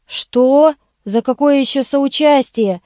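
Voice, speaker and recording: A woman's voice: sits high, normal speed, dark tone, no echo, clean studio sound, close to an everyday voice. A woman voicing a frightened teenage schoolboy who pleads tearfully in an audiobook. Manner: trembling, pleading. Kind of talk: audiobook reading.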